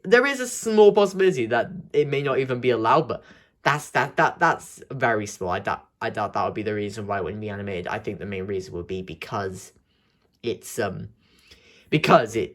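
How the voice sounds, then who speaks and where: A man's voice: mid-range voice, a bit bright. Young guy rambling on in a casual vlog, voice bouncing up and down a lot, keeps restarting, hiccups. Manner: rambling, hesitant, many restarts and fillers. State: has the hiccups. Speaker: video creator.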